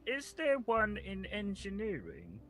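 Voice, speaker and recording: Hesitant starship crewman, game role, played by a man: high, sharp, halting delivery. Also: huge pitch swings, soft background music, exaggerated voice. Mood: inquisitive.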